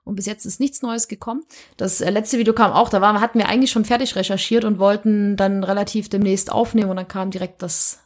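A woman co-hosting a casual podcast, explaining things in a quick, eager way. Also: mid-range voice, steady tone. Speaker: podcast co-host. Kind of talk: casual chat.

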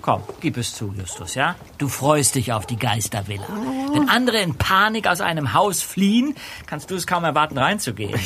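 A man's voice: a little high, very animated, normal speed, bright, forceful tone, slight background noise, heavily acted. An actor playing a skeptical, teasing teenage boy detective in a radio play. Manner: teasing, chatty.

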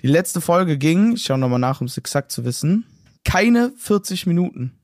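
A young man co-hosting a podcast in casual chat, slangy and excitable, acting out quotes. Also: a little high, moderate pace, dry recording, studio quality. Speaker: podcast co-host.

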